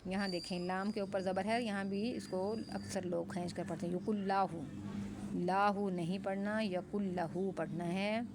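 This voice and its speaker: A woman teaches tajweed in a patient, methodical way, slowing right down to spell out each syllable before she recites it. Her voice sits at a middle pitch. Steady traffic and street noise run clearly underneath the whole recording. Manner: patient, explains then recites syllables slowly.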